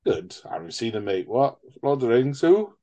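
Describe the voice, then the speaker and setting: A man's voice: mid-range voice, very animated, brisk, mellow. A man co-hosting a casual film podcast, jokey and sweary, rambling through his points. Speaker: podcast co-host. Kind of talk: casual chat.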